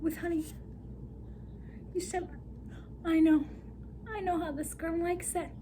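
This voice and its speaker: A woman voicing a quietly smitten young male trainer in a soft, low-key, matter-of-fact way. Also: level tone, measured pace, a little hiss or hum.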